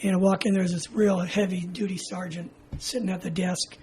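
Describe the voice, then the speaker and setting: An older man from California, a podcast guest, telling a rambling, animated story full of "you know" asides. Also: high voice, moderate pace, crowd noise. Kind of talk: casual storytelling.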